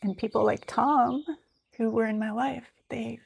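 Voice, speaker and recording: A woman with a gravelly, husky voice talks in a loose, rambling way, half reading from notes and half musing out loud. She is frank and unfiltered, tossing in fillers and the odd curse word. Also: a little high, steady tone, a little slow. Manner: candid, rambling, swears freely; thinks aloud with many fillers. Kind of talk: casual spiritual monologue, reading notes aloud.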